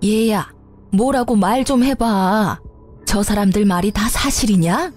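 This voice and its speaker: A woman's voice: mid-range voice, unhurried, a little mellow, soft background music, lightly acted. A woman voicing a shocked older mother who questions her daughter reproachfully.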